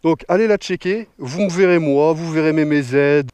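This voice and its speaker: Recorded on an action camera mic outdoors, this northern French motorcycle vlogger in his thirties takes viewer questions in a playful, slang-filled Q&A. His voice is a little high and darkish, clean and dry, at a normal speed.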